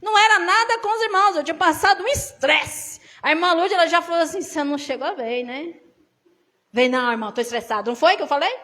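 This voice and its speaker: A woman's voice: very high-pitched, quick pace, a bit bright. A woman with a Brazilian accent preaching an informal church sermon, chatting with the congregation and telling personal stories. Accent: Brazilian Portuguese. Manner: conversational, tells personal stories, addresses the congregation as brothers.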